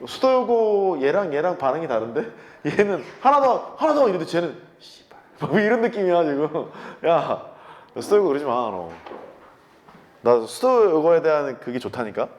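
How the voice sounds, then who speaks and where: A man's voice: a little high, big pitch swings, moderate pace, a little mellow. A man teaching math to a class, blunt and teasing, swearing casually at his students as he works problems on the board. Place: classroom with chalkboard.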